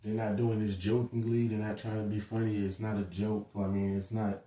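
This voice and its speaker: A man's voice: fairly low pitch, level tone, brisk, mellow, slight background noise. A man giving a casual spoken lecture, talking loosely with many asides and fillers. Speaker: speaker giving a short lecture. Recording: roomy echo, distant from the mic.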